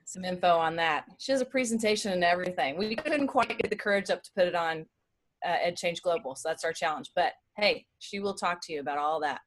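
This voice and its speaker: Woman, 40s, lower voice, friendly rambling video-call chat. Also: expressive, fairly quick. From Dallas, Texas. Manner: friendly, chatty, many fillers. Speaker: Spanish teacher.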